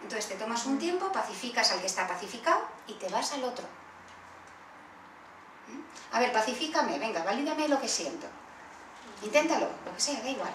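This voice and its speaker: A woman with a Spanish accent from Spain leading an interactive workshop, animated and acting out examples. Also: a little high, a little fast, long pauses. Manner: animated, acts out children's voices in role-play. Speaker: workshop facilitator. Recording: roomy far-off room recording with faint noise.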